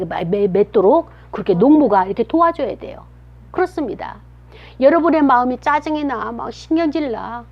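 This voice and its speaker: A woman giving a children's sermon, telling a story and asking the children questions as she goes. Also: a little high. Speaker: children's pastor. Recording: dull lo-fi recording.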